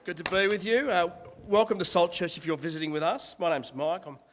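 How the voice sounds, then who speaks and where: A man preaching a sermon as pastor, husky from a cold, in a conversational, self-deprecating way. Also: high-pitched, fairly quick, long reverb tail, a little hiss or hum.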